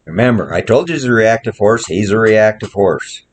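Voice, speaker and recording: Low-voiced man coaching outdoors in snow. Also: expressive, normal speed. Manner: plainspoken, repeats short coaching phrases. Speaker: horse trainer. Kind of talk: instructional commentary while working a horse. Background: wind.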